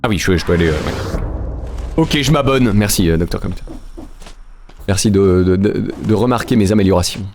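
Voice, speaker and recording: A man's voice: low-pitched, normal speed, pauses often, darkish tone. A man streaming a video game, chatting casually and joking with his viewers, laughing often. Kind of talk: casual live-stream commentary. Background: game music.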